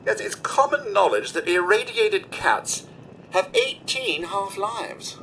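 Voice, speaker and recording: A man's voice: sits high, expressive, slow pace, pushed and bright, a little hiss or hum, heavily acted, low-quality recording. An actor playing a polite, courteous male robot butler in a game, with a formal manner and stock phrases.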